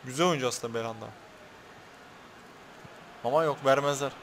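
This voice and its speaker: Man, gaming commentary, middle pitch, mutters over team picks, swears, talks to players on screen, worked up over fouls. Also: normal speed, a little hiss or hum. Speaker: gaming YouTuber. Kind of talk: football video game commentary.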